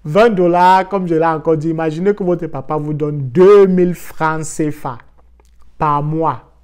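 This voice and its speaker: A man from Africa telling a casual personal story for his vlog in a lively way, dropping in English words. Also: a little high, a little slow, smooth. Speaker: vlogger.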